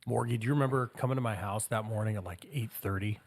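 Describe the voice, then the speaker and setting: A man co-hosting a podcast, prompting friends with shared memories in relaxed conversation. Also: on the low side, fast. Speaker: podcast co-host. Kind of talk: casual chat.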